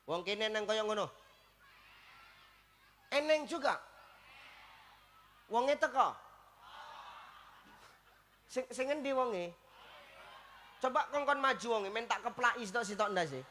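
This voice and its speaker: A man's voice: very high-pitched, bright, forceful tone. A man preaching a comic sermon, joking and acting out little scenes. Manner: joking, switches between Javanese and Indonesian, acts out scenes.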